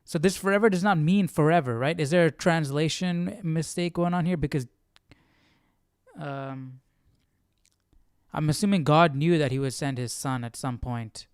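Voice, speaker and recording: Smooth and slightly high, this man's voice moves at a moderate pace, captured in studio quality without echo. Leading a relaxed livestreamed Bible study, he asks questions as he thinks, restating his points again and again.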